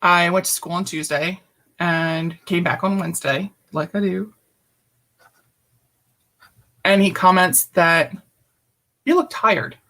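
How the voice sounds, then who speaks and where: A woman's voice: fairly low pitch, fairly even intonation, moderate pace, fairly bright tone. A woman guest telling a personal story in conversation, blunt and emphatic, swearing freely, over a video call.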